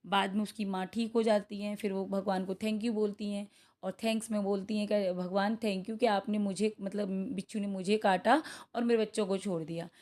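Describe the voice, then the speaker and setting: A young adult woman with an Indian accent teaching English for an exam, explaining in Hindi mixed with English, reading each question out slowly and checking in with students often. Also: mid-range voice, steady tone, a little mellow. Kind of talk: exam-prep lesson going through practice questions.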